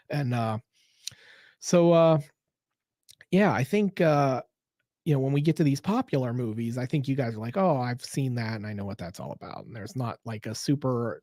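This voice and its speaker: A man's voice: mid-range voice, a little mellow, no echo, clean studio sound. A man of fifty hosting a casual livestream, rambling and self-deprecating, restarting his sentences often. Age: 50s. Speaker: livestream host.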